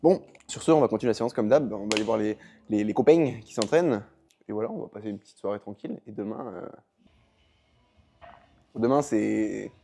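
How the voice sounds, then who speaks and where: A man's voice: fairly low pitch, a little fast, gravelly, pauses often, mellow, a little hiss or hum. A young man chatting casually in a rambling gym vlog, worn out after a long training session. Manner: chatty, rambling, self-correcting. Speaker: powerlifting vlogger.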